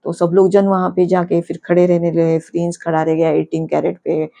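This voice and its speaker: A woman's voice: on the low side, monotone, normal speed, creaky, mellow. A woman casually recapping a reality show episode, indignant at times and retelling scenes through quoted lines.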